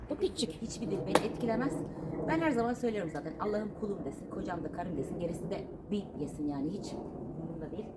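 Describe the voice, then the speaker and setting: Sharp-tongued woman vlogging outdoors. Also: mid-range voice, background noise. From Turkey. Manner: sharp-tongued and indignant, then chatty. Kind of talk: casual vlog chat while gardening. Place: home garden outdoors.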